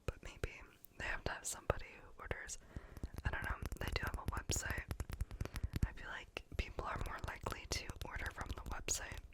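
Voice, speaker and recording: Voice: brisk, rough recording. A person whispering casual, meandering ASMR rambles as the creator of the video.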